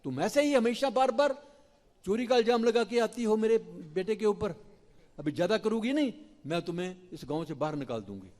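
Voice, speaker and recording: Stern motherly village woman, voiced by a male preacher, loud and commanding, hall echo. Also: high voice, expressive, normal speed, voice pushed up. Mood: scolding. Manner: scolding, emphatic.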